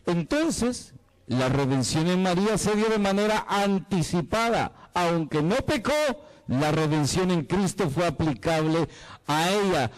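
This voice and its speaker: Man with a very lively pitch. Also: poor audio. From El Salvador. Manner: dramatic, playful, asks the listener questions. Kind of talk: lively apologetics talk.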